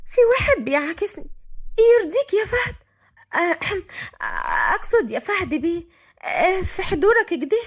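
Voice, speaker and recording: A woman's voice: very high-pitched, big pitch swings, normal speed, pitched above the performer's own voice, heavily acted. A flirtatious woman around thirty drawls her lines in a sweet, coy voice, as a woman storyteller puts her on. She speaks with an Upper Egyptian accent in an audio storybook. Her tone stays teasing and drawn out. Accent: Upper Egyptian Arabic.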